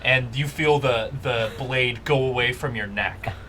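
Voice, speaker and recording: A man's voice: mid-range voice, a little slow, bright, forceful tone, a little hiss or hum. A man improvising casual narration as game master of a tabletop role-playing game.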